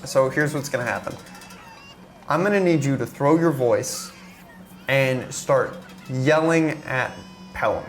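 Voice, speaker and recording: Male player, relaxed and chatty, plans his moves aloud; mid pitch. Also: measured pace, long pauses, soft background music. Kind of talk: casual tabletop game play.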